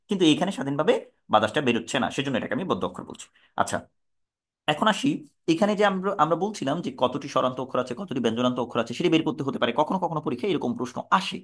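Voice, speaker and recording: A man with a Bangladeshi Bengali accent teaching a lesson, breaking words into syllables slowly and answering his own questions. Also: on the high side.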